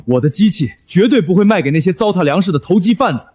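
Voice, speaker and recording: A man's voice: sits high, fast talker. A man voicing a principled farmer who talks firmly and steadily. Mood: resolute. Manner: firm, steady. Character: stubborn farmer and machine operator, principled. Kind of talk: drama voice acting.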